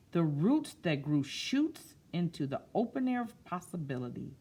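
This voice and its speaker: This children's storyteller has a low, dark voice. She reads a picture book aloud to kids, lingering expressively on phrases and breaking off into simple, casual explanations.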